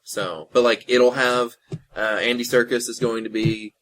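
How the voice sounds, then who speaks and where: A man's voice: medium pitch, steady tone, unhurried, fairly bright tone, poor audio. A man co-hosting a casual podcast, explaining plots in a rambling way with many filler words. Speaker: podcast co-host.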